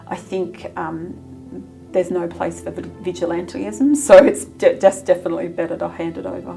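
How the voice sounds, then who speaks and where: A woman's voice: lowish voice, normal speed, creaky, dark tone, soft background music. A woman answering an interview question thoughtfully, with some hesitation. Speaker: interviewee, anti-trafficking advocate.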